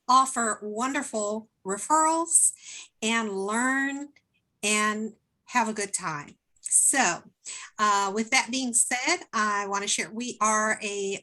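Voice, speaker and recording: A woman leads a networking meeting over a video call, her tone bright and forward. She talks in an upbeat, chatty way, pausing on fillers as she welcomes everyone. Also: mid-range voice, poor audio. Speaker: host, networking group leader.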